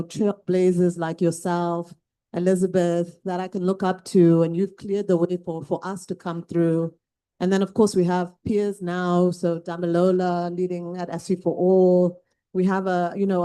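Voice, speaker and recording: Mellow, lowish-voiced woman on a panel. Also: clean tone. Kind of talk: conversational panel remarks.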